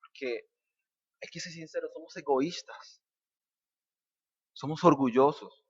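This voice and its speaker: A man's voice: a little high, a little slow, slightly rough, in a large hall, dull audio. A male pastor preaching a fervent sermon, asking rhetorical questions and calling his listeners brother. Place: church.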